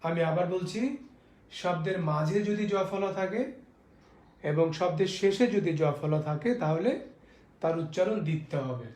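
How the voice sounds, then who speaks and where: Guy teacher lecturing, says every rule twice and drags out the example words, fairly high voice, bit of room echo. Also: darkish tone. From Bangladesh. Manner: repeats each rule and says example words slowly and deliberately; asks the class rhetorical questions. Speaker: college teacher. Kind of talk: classroom lecture on spelling and pronunciation. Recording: echoey room.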